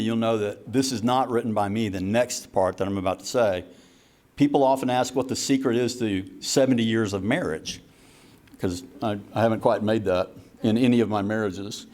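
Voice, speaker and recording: Man telling family stories at a party. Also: mid-range voice. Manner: warm storytelling with laughs and asides. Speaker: son giving a tribute speech. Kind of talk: anniversary party speech. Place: party hall with a crowd.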